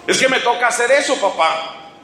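A man doing a small boy's voice, bright and high, whining and insisting that his homework must be done his way. The lines come through a roomy, echoing space, as a preacher puts the child on in the middle of a sermon. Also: expressive, moderate pace, slight background noise, exaggerated voice. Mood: pleading. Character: small boy pleading with his father.

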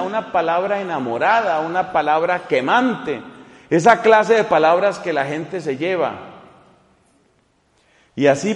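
A priest with a fairly high male voice preaches a humorous sermon full of storytelling in an echoing hall. He is animated and teasing, mimicking voices in his anecdotes, and the recording carries long reverb.

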